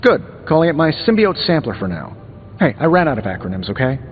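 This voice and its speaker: Iron Man, glib and animated. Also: on the high side, fast talker, phone-quality sound, faint music behind. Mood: confident, wry. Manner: glib, sarcastic, wisecracking. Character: quippy, cocky armored superhero inventor, adult man. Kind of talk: video game character dialogue.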